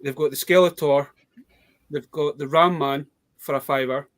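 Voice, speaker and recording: A man's voice: a little high, fairly even intonation, moderate pace. A man with a British accent chatting casually about toy bargains in a rambling, storytelling way. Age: adult. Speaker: toy collector guest. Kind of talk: casual live chat.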